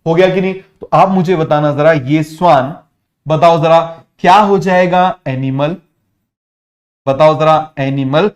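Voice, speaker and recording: Male biology tutor, high voice, call-and-response drilling, casual online lecture. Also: a little slow, muffled recording. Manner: drills students with repeated call-and-response questions; mixes English science terms into casual talk. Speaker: biology teacher. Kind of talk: online exam-prep lecture.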